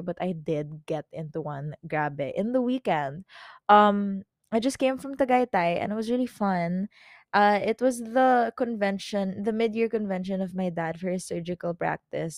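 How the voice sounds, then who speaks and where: A woman's voice: medium pitch, a little mellow, no room sound, clean studio sound. Chatty young Filipino woman podcaster. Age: 20s. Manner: chatty, rambling, full of "like" fillers and quick self-corrections. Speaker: podcast host. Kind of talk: casual solo podcast chat.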